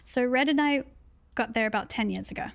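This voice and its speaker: A woman in her thirties from London, a conservation co-founder answering interview questions earnestly, with frequent pauses. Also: on the high side, creaky, no echo. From London, England. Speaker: conservation project co-founder, guest.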